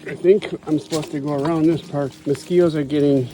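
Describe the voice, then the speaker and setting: A man's voice: a little high, fairly even intonation, a little fast, rough recording. A man casually narrating his solo bike ride through swampy forest trails, talking to the camera as he goes. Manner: chatty, self-narrating, breathless from effort at times. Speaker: bikepacking vlogger. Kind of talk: casual narration while riding. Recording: music playing underneath. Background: music.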